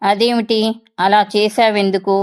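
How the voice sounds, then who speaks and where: A woman's voice: medium pitch, flat delivery, a little slow, clear, resonant tone, lightly acted. A woman voicing a middle-aged father who dotes on his son, in a plain read-aloud character voice. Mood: fond.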